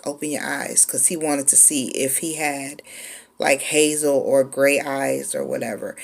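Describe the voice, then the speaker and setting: A woman in her forties telling a personal story in a casual, laid-back way, with frequent pauses. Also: deep voice, creaky. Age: 40s. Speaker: vlogger.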